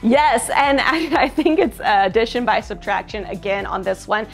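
A woman's voice: a little high, expressive, soft background music. A woman in her thirties co-hosting a house-flip walkthrough, upbeat and chatty, on a lapel mic indoors. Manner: upbeat, quick-talking. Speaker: house flipper host. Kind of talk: casual walkthrough chat. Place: house under renovation, indoors.

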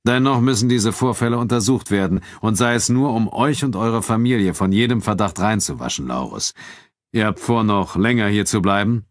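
A composed, cold male official from a spoken storybook, as a man reads him. His voice sits higher than the reader's very deep narration, yet stays controlled and level in tone. The sound is dry and close, with no room around it. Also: no echo, lightly acted. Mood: calm firm. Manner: calm, measured, quietly firm.

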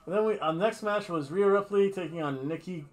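This middle-aged review host has a high-pitched voice and talks a little fast. Filmed by webcam in a small room in his home, he keeps things casual, rambling and jokey, slipping into put-on accents now and then.

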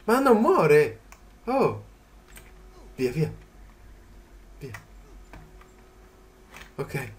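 A man giving casual commentary as he plays a video game, chatty and quick to yelp in surprise. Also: a little high, huge pitch swings. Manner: chatty, jumps to startled yelps at the game. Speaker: gaming channel host. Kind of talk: let's play commentary.

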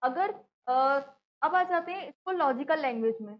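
Female teacher, high voice, patient step-by-step classroom explanation. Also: lively intonation, moderate pace, muffled recording. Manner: explanatory, asks and answers own questions, frequent "theek hai".

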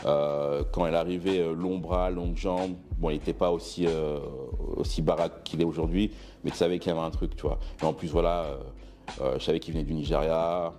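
A man in his thirties with Benin roots, giving a relaxed guest interview in a studio, hesitant with many fillers and restarts. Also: very deep voice, brisk, faint music behind. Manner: gestures broadly while seated. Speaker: brand founder, guest. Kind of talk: casual interview talk. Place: studio room with clothing racks, indoors.

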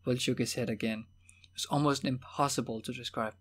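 A man's voice: mid-range voice, fairly even intonation, a little fast, a bit bright. Man reading an audiobook steadily. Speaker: audiobook reader. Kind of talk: audiobook narration.

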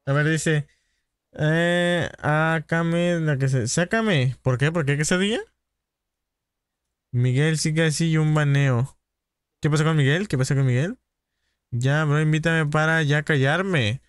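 A man's voice: on the high side, smooth, no room sound, clean studio sound. A man with a Mexican accent hosting a live gaming stream, greeting viewers in a chummy, casual way. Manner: chummy, calls viewers "padrino", rapid greetings. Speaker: gaming livestream host.

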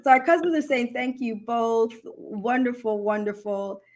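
A woman's voice: fairly high pitch, a little slow. A woman hosting a livestream conversation, upbeat and affirming, with frequent tag questions. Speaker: host.

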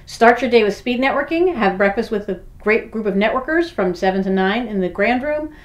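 Fast-talking upbeat woman promoter. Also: on the high side, expressive. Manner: upbeat, brisk listing of details. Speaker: event promoter. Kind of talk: promotional presentation to camera. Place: in front of backdrop.

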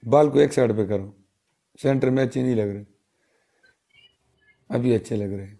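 A man's voice: medium pitch, normal speed, gravelly, mellow. A man vlogging casually, giving repeated bossy directions for a phone photo.

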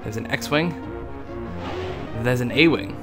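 Over music, a man with a medium-pitched voice speaks slowly in a put-on British accent while hosting a gaming video. He plays a loyal Imperial pilot, giving hammy, playful in-character commentary.

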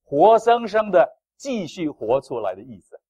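A male pastor preaching a sermon in an animated, playful way, with self-deprecating humor. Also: high-pitched, measured pace, slightly rough, dry recording.

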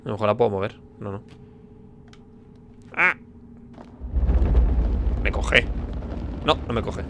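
A man's voice: lowish voice, fairly even intonation, fairly quick, creaky, background noise. A man playing a horror game, muttering tensely and yelping when scared. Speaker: gaming streamer. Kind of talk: let's play commentary.

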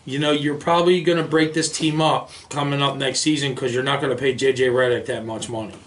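In a small indoor podcast studio, an American man casually argues sports with emphatic, informal force. His medium-pitched voice runs a little fast with fairly even intonation, picked up by a boom-arm studio microphone with a foam windscreen.

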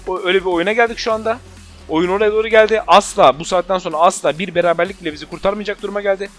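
A man streaming his football video game, shouting at players and the referee and muttering to himself while he changes tactics. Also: high-pitched, steady tone, rapid-fire, faint music behind. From Turkey. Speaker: gaming YouTuber. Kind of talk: live gameplay commentary.

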